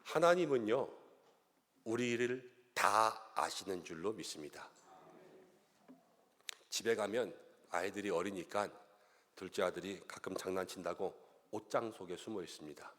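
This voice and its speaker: A middle-aged man preaching a sermon as pastor, animated and acting out little voices and quotes as he goes. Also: low voice, measured pace, pauses often. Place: church sanctuary. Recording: long church-hall reverb.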